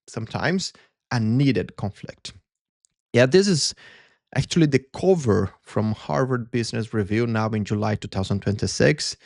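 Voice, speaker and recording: Speaking with a Brazilian Portuguese accent, a man hosts a solo podcast in a creaky, medium-pitched voice that's a little mellow. The studio-quality recording has no echo, and he comes across as earnest and reflective while groping for words in a language that isn't his first.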